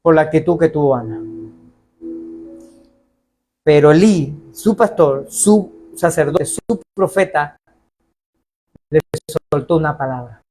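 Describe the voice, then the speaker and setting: A man preaching a sermon as pastor in a church, animated and acting out the voices of people he quotes. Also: a little high, takes it slowly, long pauses, faint music behind.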